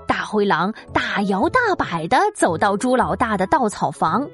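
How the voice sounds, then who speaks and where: A woman's voice: medium pitch, expressive, moderate pace, soft background music. A woman narrating a scripted story for children.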